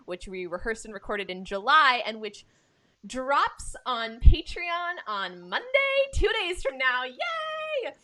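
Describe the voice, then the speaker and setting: With a mid-range, sharp-toned voice, an American woman hosts an arts podcast, chatting casually and introducing guests. Her style is enthusiastic and effusive.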